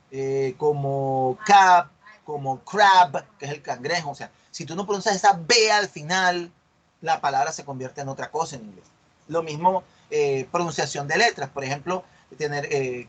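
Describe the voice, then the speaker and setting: A man gives a lecture in a slightly higher voice than most men. He explains patiently and keeps checking that his students follow with short tag questions. When he models English words, he slows down and repeats them loudly. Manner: drills English words slowly and loudly in repetition. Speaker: university teacher. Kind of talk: explanatory lecture on online class.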